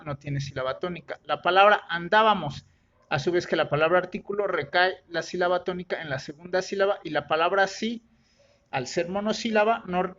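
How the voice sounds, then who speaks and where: A man's voice: high-pitched, fairly bright tone, dull audio. A man teaching in a methodical, explanatory way, with occasional slips and self-corrections. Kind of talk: recorded lesson explanation.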